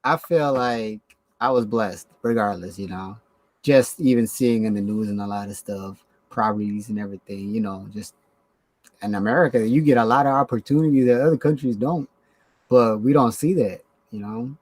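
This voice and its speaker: A man's voice: lowish voice, normal speed, a little mellow, dry recording. A man from Somalia talking casually and reflectively on a podcast, with frequent "you know" fillers. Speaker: podcast guest. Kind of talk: casual chat.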